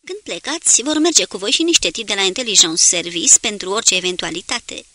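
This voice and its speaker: A woman reading the lines of a calm, dry male naval commodore in an audiobook. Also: medium pitch, no room sound.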